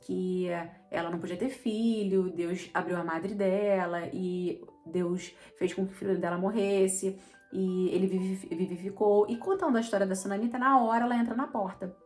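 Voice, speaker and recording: A woman's voice: medium pitch, steady tone, moderate pace, a little mellow, soft background music. A woman with a Brazilian accent teaching a Bible lesson as chatty storytelling, often checking in with her listeners. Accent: Brazilian Portuguese.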